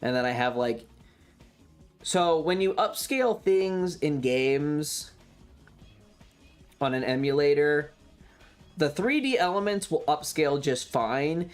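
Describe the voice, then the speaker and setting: A variety streamer chats casually on a livestream, sharing opinions, rambling, repeating points, and swearing now and then. The mid-range voice is animated but slow, with long pauses, and faint music plays behind.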